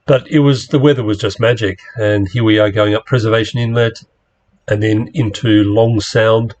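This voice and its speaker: Low-voiced man narrating a sailing slideshow. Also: normal speed. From Australia. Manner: relaxed, rambling, many fillers. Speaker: club presenter. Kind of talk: slide-show talk.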